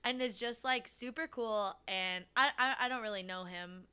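A woman's voice: on the high side, moderate pace, a crowd in the background. A woman co-hosting a podcast in casual, teasing chat full of slang and swearing. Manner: teasing, slangy, profanity-laced. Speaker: podcast co-host.

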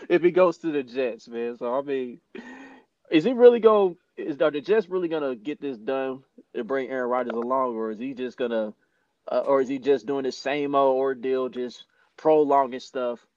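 A man's voice: mid-range voice, dry recording, dull audio. A man hosting a sports podcast in casual chat, running through headlines and laughing often. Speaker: podcast host.

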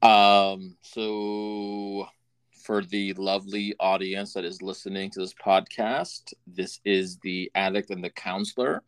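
Deep-voiced man rambling on a podcast. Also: little pitch movement, clear, resonant tone, dry recording. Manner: rambling and halting, with many restarts. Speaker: podcast co-host. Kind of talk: casual podcast chat.

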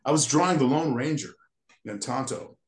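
Older interview guest from the United States, mid-pitched voice, meandering storyteller, roomy reverberant recording. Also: male voice, normal speed. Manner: rambling, restarts sentences often. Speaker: guest, character designer. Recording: echoey room.

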